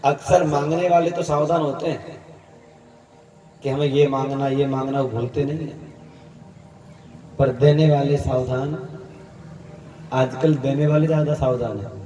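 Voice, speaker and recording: A man's voice: mid-range voice, steady tone, a little slow, pauses often, dark tone, slight background noise. A man preaching a Hindi katha, telling stories and acting out their dialogue in a storytelling manner. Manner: storytelling preacher, acts out dialogue, chuckles to the crowd. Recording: echoey hall, distant mic, faint ambience.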